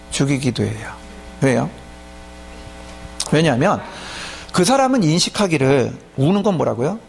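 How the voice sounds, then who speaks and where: A man's voice: mid-range voice, creaky. A man preaching a sermon as a pastor, often asking his congregation questions and then answering them himself.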